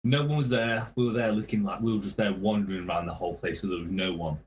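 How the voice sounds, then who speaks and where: A man's voice: on the low side, steady tone, fast talker, a little hiss or hum. A man, a touring metal musician, telling rambling, swear-filled tour stories on a podcast. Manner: rambling, swears constantly, laughs through his stories. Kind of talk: casual storytelling on a podcast.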